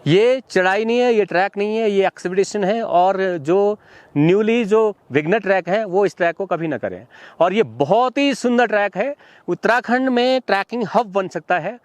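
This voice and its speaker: Outdoor trek vlogger, young man, high voice, guiding tone, filmed on a handheld camera. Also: lively intonation, moderate pace, no room sound. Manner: guiding, pointing things out to viewers. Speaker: trekking vlogger. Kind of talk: outdoor trek vlog narration. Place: outdoors on a high mountain ridge.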